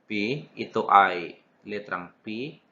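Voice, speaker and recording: Slow, bright-voiced young man teaching. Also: fairly low pitch, slight background noise. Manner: deliberate, repeats terms, self-corrects mid-word. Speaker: student teacher. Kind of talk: recorded classroom lesson. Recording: dull lo-fi recording.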